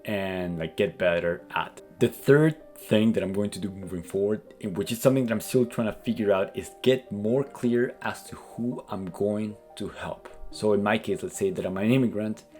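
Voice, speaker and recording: Speaking at a normal pace with few pauses, a business coach and YouTuber from South America explains his plans earnestly in a relaxed vlog, his accent noticeable and his speech full of "like" and "kinda." His voice is lowish and darkish, and faint music sits behind it.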